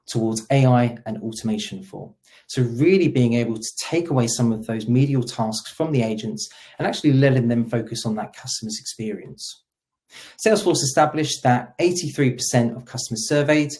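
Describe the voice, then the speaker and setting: As webinar host and solution engineer, a man presents a product demo in an explanatory manner. His voice is medium in pitch with a darkish tone, and he tends to emphasize the beginnings of his sentences.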